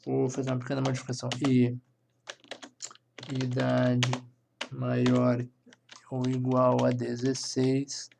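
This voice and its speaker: Gravelly Brazilian man teaching code. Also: mid-range voice, completely flat delivery, takes it slowly, long pauses, background noise. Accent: Brazilian Portuguese. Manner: thinks aloud while typing, with frequent checking "tá?". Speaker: programming instructor. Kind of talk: screencast coding lesson.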